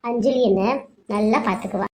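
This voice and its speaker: A woman's voice: mid-range voice, a little fast, a little mellow, natural voice. A woman voicing a reassuring older sister-in-law in a cartoon serial.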